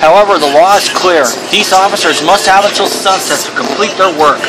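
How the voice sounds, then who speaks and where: A man performs an erudite, courteous scholar of old laws for a detective game, formal and pedantic. His pitch is a little high and the recording is clearly noisy. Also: brisk, close to an everyday voice. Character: bookish, courteous male legal expert.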